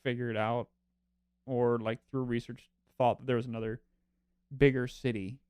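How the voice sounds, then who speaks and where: A man's voice: mid-range voice, little pitch movement, normal speed, darkish tone, clear, resonant tone, no echo, clean studio sound. A man co-hosting a podcast, retelling a film plot in a rambling way with lots of fillers. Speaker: podcast co-host. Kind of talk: casual chat.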